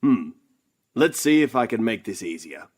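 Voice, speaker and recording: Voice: medium pitch, big pitch swings, moderate pace, a little mellow, breathy edge. An actor playing a cheerful know-it-all professor who teaches young children in a broad, singsong children's-theatre manner, sounding words out. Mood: playful teaching. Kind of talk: children's story podcast acting.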